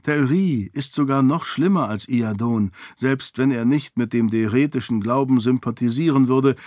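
A man voicing a sharp-witted young royal woman in an audiobook, lifting his voice and talking with quick self-assurance. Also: mid-range voice, no echo, clean studio sound, pitched above the performer's own voice, close to an everyday voice. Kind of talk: audiobook character voice.

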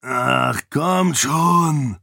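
A man voicing a hearty, jovial overweight nobleman who talks in a booming way. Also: very slow, gravelly, bright, forceful tone, no room sound, clean studio sound, heavily acted. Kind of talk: audiobook character voice.

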